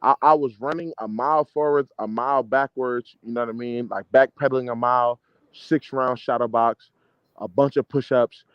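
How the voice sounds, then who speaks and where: This young American man in his mid-twenties, an amateur boxer from the DMV region, talks at a normal speed in a smooth, mid-range voice with a steady tone. His casual interview chat is slangy, confident and emphatic, full of repetition. The recording has no room sound, and its highs are cut off.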